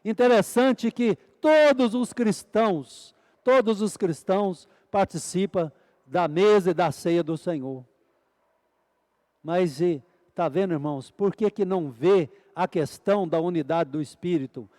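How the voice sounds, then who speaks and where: A man's voice: high voice, measured pace, darkish tone, long reverb tail. A male preacher giving a sermon, breaking in again and again with fervent calls on the Lord and putting questions to his listeners, then answering them himself. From Brazil. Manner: repeated fervent "Ó Senhor Jesus" exclamations.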